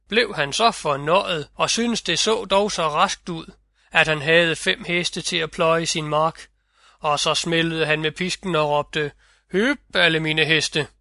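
A man narrating a fairy tale audiobook in a measured storytelling manner, close to the mic. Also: a little high, creaky, sharp tone, dry recording.

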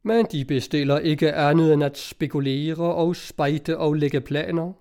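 A man's voice: on the high side, level tone, darkish tone. Man reading an audiobook with a lifted voice. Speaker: audiobook narrator. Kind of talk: scripted audiobook narration.

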